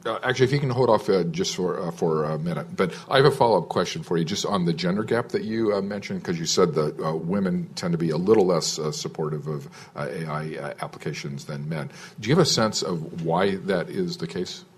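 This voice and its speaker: Very deep, husky-voiced man chairing. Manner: brisk, procedural. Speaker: committee chair. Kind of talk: chairing a hearing.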